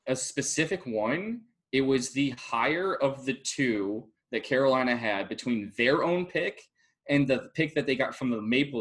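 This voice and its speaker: A man co-hosting a podcast, chatty and prone to laughing as he works through details out loud. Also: mid-range voice. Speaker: podcast co-host. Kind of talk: casual sports chat.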